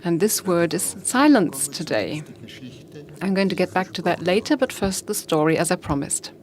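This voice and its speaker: A woman giving a talk on fasting, telling a parable slowly with pauses and fillers. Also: on the low side, expressive, a little hiss or hum. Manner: slow, pausing, with fillers. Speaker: speaker on fasting. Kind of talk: storytelling talk.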